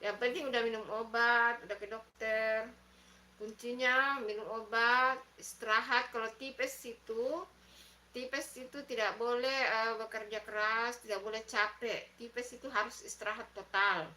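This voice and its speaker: A woman's voice: fairly high pitch, fairly even intonation, a little slow, bright, forceful tone. A middle-aged woman with an Indonesian accent, hosting a casual live stream and chatting in a motherly way as she reads viewers' comments. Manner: motherly, chatty, repeats herself while reading comments. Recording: echoey room.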